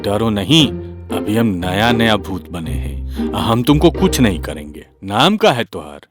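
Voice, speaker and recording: A man's voice: on the low side, sing-song, a little slow, music in the background, voice pushed down. A man voicing a tipsy, cheeky young male truck-driver ghost with a Bihari accent and a slurred drawl. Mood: teasing.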